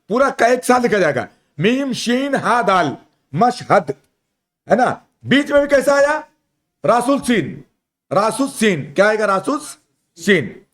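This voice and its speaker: Guy teaching arabic to a class, high voice that jumps around a lot, keeps going "isn't it?". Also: fairly bright tone. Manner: quizzes students, keeps asking "isn't it?"; spells out letters slowly. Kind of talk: classroom lesson. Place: classroom at an Islamic school.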